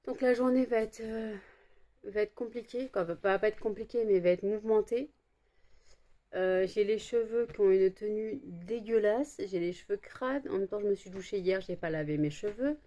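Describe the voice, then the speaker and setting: Tired French woman, shrill high voice. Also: normal speed, dark tone. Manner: rambling, many fillers and restarts, scolds her dogs. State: tired, barely awake. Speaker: vlogger. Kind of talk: casual chat to camera.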